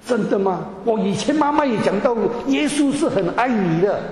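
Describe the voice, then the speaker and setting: A man's voice: high voice, expressive, moderate pace, a little mellow, slight background noise. A man giving an emotional personal testimony to a congregation, often stammering and repeating words and dropping in English words. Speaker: church member giving a testimony. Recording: echoey hall with long reverb.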